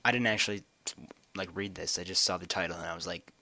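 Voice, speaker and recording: A man's voice: sits low, fast talker, creaky, pushed and bright, no room sound. A young man co-hosting a casual gaming podcast, joking around and laughing often. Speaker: podcast co-host.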